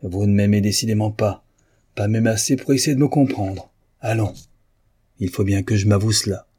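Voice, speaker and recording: A man's voice: fairly low pitch, normal speed, mellow, slightly rough. A man reading the part of a proud, honest bourgeois husband, impassioned and pleading, in an audiobook of a novel. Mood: indignant, stern. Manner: impassioned, pleading then commanding.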